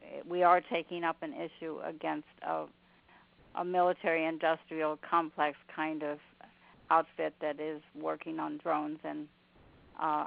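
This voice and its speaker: A woman taking part in a conference call discussion, speaking haltingly and repeating her words. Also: sits low, gravelly. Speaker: call participant. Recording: noisy, tinny phone line with clicks.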